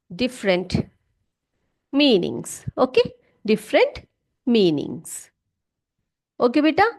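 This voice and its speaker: A woman teacher, leading a classroom lesson and patiently repeating key words and questions for the students. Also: fairly high pitch. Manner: calls students "beta" warmly.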